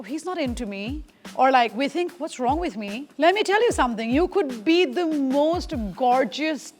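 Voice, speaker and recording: A woman hosting a podcast in a casual monologue, animated and chatty, laughing often. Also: high-pitched. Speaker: podcast host.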